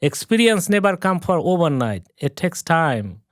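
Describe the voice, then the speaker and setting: A man's voice: a little high, sing-song, unhurried, no echo, clean studio sound. A middle-aged man from Bangladesh, a plumber and investor, telling his story in earnest broken English as a podcast guest. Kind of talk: casual interview chat.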